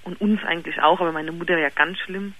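A woman in her twenties calling into a radio talk show by telephone, telling her story haltingly with many fillers and restarts. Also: on the low side, steady tone, sharp tone, rough recording. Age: 20s. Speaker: caller. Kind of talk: radio call-in conversation.

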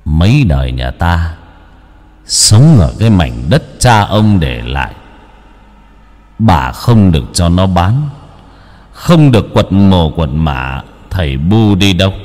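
A man's voice: deep voice, very animated, takes it slowly, a little mellow, long reverb tail, full character voice. A man voicing the ghost of a stern old husband giving a grave warning. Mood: grim warning.

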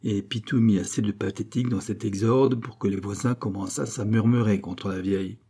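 Guy reading an old novel out loud, dark husky voice, steady storyteller. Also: on the low side. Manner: measured, expressive storytelling. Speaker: audiobook narrator. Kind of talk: literary audiobook narration.

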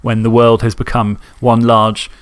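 A man's voice: mid-range voice, little pitch movement, measured pace, clean tone. A man co-hosting a podcast in casual, rambling, self-mocking chat. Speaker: podcast co-host.

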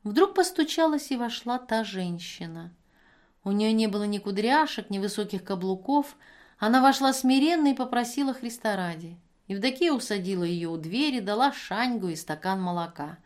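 A woman reading a novel aloud as narrator, in measured, steady storytelling. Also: mid-range voice.

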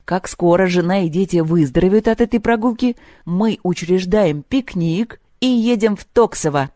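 A woman's voice: lowish voice, moderate pace, mellow, no room sound, natural voice. A woman reading aloud, voicing an eager family man who insists on a picnic, close to her own voice. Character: enthusiastic middle-aged host of the family.

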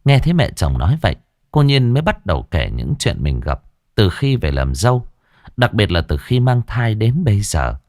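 A man's voice: on the low side, sing-song, moderate pace, a little mellow, no room sound, clean studio sound. A man narrating a ghost story with a dramatic delivery.

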